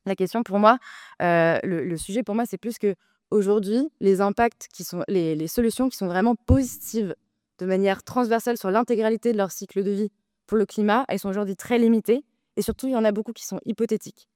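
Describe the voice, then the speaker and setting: Smooth-voiced woman debating. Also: mid-range voice, brisk, a little mellow, no echo, clean studio sound. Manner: hesitant, many filler sounds, insistent. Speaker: debate speaker, co-president of a data nonprofit. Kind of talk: debate argument.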